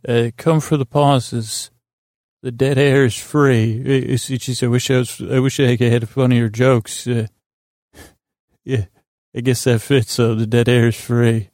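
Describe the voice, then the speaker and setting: Medium in pitch and barely moving in tone, a slightly mellow-voiced middle-aged man rambles through a bedtime monologue for his sleep podcast. He halts, pauses a lot, abandons tangents, and is wry, whimsical and self-mocking; the recording is dry and clean, studio-grade.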